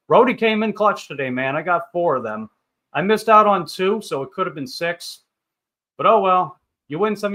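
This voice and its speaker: On his casual livestream, a thirty-year-old man reads viewer comments and answers them, rambling along in upbeat banter. His voice is a little high and bright, with a forceful tone.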